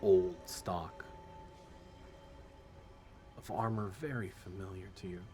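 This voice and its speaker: A man's voice: deep voice, steady tone, slow, a little mellow. A man running a tabletop game as game master, narrating loosely with restarts and fillers. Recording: music playing behind.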